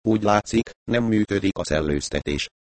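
A man's voice: on the low side, a little mellow, no room sound, voice pushed up, lightly acted. A man reading aloud, voicing a cold, cruel male villain who grumbles out orders. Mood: grumbling.

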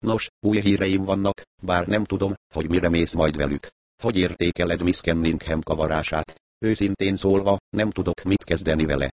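A man narrating a crime story aloud, reading dialogue and narration in a steady voice. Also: sits low. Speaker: audiobook narrator. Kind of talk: scripted narration.

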